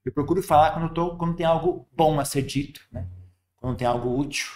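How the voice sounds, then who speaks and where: A man's voice: fairly high pitch, fast, darkish tone. A man with a Brazilian Portuguese accent, a Buddhist monk giving a conversational dharma talk, often tagging "sabe?" and "né?".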